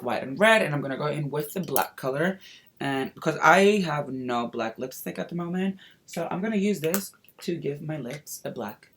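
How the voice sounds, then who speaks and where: Sassy and campy, this drag performer and makeup vlogger keeps up a casual get-ready-with-me chat while doing a makeup tutorial, dropping slang and exclamations. His voice is a little high and a bit bright, with some hiss or hum on the recording.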